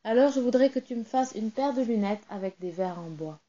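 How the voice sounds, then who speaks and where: A woman's voice: on the high side, lively intonation, fairly quick, mellow, dull audio, lightly acted. A woman voicing a small, clever female rubber doll that can foretell things, in a chirpy, eager way. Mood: coaxing.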